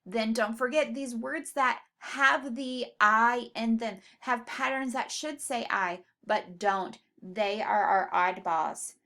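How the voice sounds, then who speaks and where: Woman teacher, bright tone, slow measured delivery, stretches out example words for young spellers. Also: on the high side. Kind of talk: spelling lesson for students.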